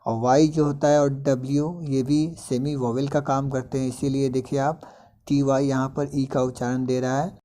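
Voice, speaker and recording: Male grammar tutor, mellow dark tone, slow deliberate read-outs of English terms. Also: medium pitch, level tone, low-quality recording. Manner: reads English definitions slowly, then explains them; repeats example words with careful pronunciation. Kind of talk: bilingual grammar lesson.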